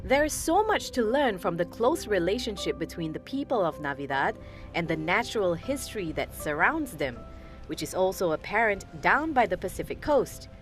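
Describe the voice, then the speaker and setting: A woman's voice: mid-range voice, normal speed, soft background music. A woman reporter giving polished scripted narration for a travel documentary. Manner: lively, polished.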